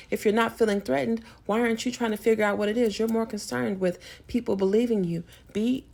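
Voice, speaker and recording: A woman's voice: medium pitch, gravelly. A woman vlogger delivering a spiritual rant, emphatic and preachy, rambling with frequent restarts.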